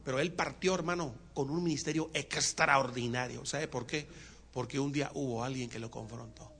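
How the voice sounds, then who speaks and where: A man's voice: mid-range voice, normal speed. A male preacher telling a sermon story and having the congregation repeat after him. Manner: animated, call-and-response with congregation.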